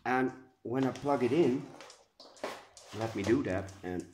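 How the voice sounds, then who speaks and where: At a measured pace, a Dutch man with a mid-range, darkish voice offers a casual update from indoors at home, with a faint hiss or hum in the recording. The orchid vlogger sounds a bit congested and stuffy, speaking hesitantly with frequent uh's.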